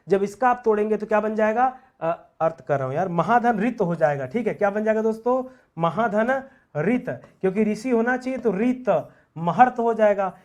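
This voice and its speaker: A male teacher giving an online grammar lesson, asking his students questions and drilling each point with repeated checks. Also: high voice. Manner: repeats questions to students, calls them friends; drills points, frequent "theek hai".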